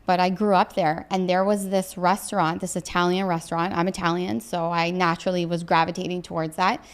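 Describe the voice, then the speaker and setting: A woman from Ontario co-hosting a casual podcast, chatty and quick to laugh. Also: on the low side, level tone. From Ontario, Canada. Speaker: podcast co-host. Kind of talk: casual chat.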